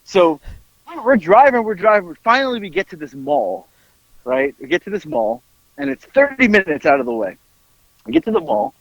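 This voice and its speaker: A man telling a story on a podcast, acting out the people in it with sudden high yelps. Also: big pitch swings, normal speed, creaky, no room sound. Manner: acts out quoted voices with big jumps up into yelps. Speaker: podcast host telling stories. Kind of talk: animated storytelling. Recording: dull lo-fi dry sound.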